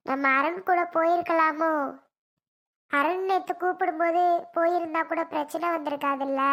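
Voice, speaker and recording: A woman's voice: high-pitched, pushed and bright. A woman voicing an anxious young mother who frets aloud in a cartoon serial. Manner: fretful, musing aloud.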